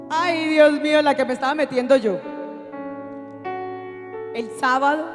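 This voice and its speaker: A middle-aged woman telling her life story with lively, acted-out quotes. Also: high-pitched. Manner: animated storyteller, acts out quotes. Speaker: speaker giving testimony. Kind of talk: lively spoken testimony. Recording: echoey hall, faint music.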